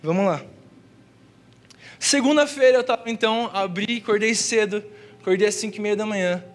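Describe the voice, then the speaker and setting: High-voiced young Brazilian preacher. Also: male voice, moderate pace. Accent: Brazilian Portuguese. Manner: slangy and earnest, peppered with "cara" and "velho". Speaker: youth preacher. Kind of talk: casual testimony sermon. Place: church.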